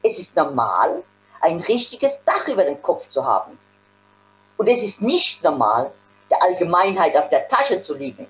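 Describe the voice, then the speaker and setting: A woman's voice: fairly low pitch, very animated, moderate pace, poor audio. A woman reading aloud voices an indignant working man in a story, her tone insistent and a bit raised.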